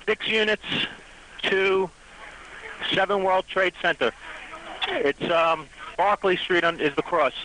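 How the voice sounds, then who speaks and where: A man's voice: high voice, fairly even intonation, slow pace, long pauses. A man working as an emergency dispatcher, giving procedural directions over a two-way radio. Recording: slightly noisy emergency radio channel. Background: radio noise.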